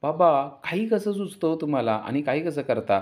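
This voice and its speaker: A man's voice: fairly high pitch, sing-song, moderate pace, a little mellow, pitched above the performer's own voice. A man voicing a cheerful little girl who talks sweetly and fondly to her father. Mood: playful.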